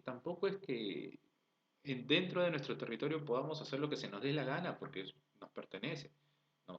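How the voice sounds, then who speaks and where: Peruvian guy teaching an online class, mid pitch, keeps checking in with the kids, kinda muffled audio. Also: a bit bright. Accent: Peruvian Spanish. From Peru. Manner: explains step by step, asks rhetorical questions, checks in with "¿sí?". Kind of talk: recorded online class lecture. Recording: dull lo-fi recording.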